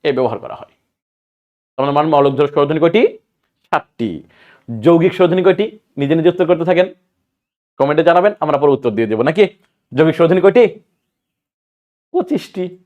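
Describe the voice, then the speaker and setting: A man's voice: a little high, animated, brisk, pauses often, phone-quality sound. A man from Bangladesh, teaching an exam-prep grammar lesson and quizzing listeners before answering his own questions.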